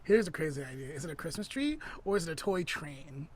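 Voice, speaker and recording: Heard through a remote call mic with a little hiss or hum, this podcast co-host has a low-sitting, animated voice. She chats casually with a playful air, stretching out her guesses in a word game.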